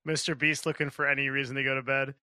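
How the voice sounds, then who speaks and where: A man's voice: medium pitch, flat delivery, fast talker, bright, forceful tone, no echo, studio quality. A man teasing and joking in a casual group podcast chat.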